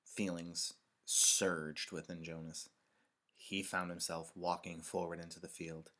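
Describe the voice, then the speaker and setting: Deep-voiced man reading a novel aloud. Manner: measured, expressive storytelling with dramatic pauses. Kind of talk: read-aloud narration.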